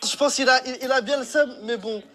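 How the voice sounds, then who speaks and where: A man's voice: extremely high pitch, brisk, a bit bright. A young man refereeing a casual gaming video, playful and slangy, with some boasting. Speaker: game referee and seeker.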